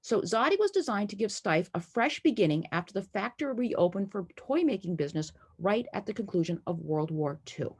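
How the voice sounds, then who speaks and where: An American woman, a collector, presents a talk over slides from home in a friendly, enthusiastic, lightly playful way. Her mid-range voice swings widely in pitch, with a darkish, breathy tone, and she moves briskly with few pauses.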